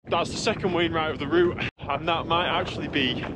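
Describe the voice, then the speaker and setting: A young man, a hiking vlogger, speaks briskly in a fairly high voice, offering casual commentary to a camera held at arm's length. He's outdoors on an open snowy mountainside, and wind and outdoor noise come through clearly.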